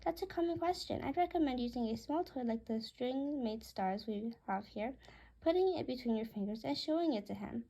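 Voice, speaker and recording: A woman voicing a patient bird-shop worker who gives calm, instructive advice. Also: fairly high pitch, normal speed, poor audio. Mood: helpful.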